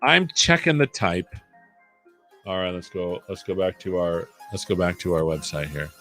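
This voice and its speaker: Hosting a developer livestream, this man chats while coding live, thinking aloud and frequently muttering to himself. His voice sits low and a bit bright at a normal pace. Soft music plays behind him.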